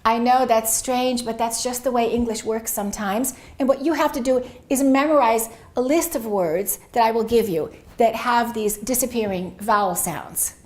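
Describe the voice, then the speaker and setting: A middle-aged woman teaching English pronunciation, speaking clearly and deliberately as she models words for her students to repeat. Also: a little high, darkish tone.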